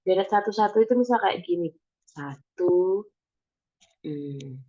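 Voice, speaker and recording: A woman's voice: lowish voice, animated, a little slow, warm tone, lo-fi sound. A young woman tutoring math over a video call, explaining patiently step by step with many "nah" and "oke". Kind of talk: online math tutoring session.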